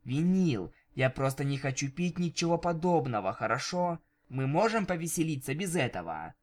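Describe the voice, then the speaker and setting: A man voicing a prim, earnest young female pony cellist in a fan-fiction audiobook, speaking in a measured, polite way. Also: a little high, animated, natural voice. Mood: pleading.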